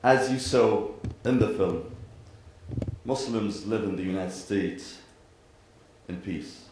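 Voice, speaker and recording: An imam from Iraq and Kuwait, with an Iraqi Arabic accent and a low-leaning voice, gives a formal address to a gathering in a large indoor venue. He speaks deliberately in measured phrases, pausing and repeating parallel sentences, and clears his throat often. The hall is very echoey, with faint background noise.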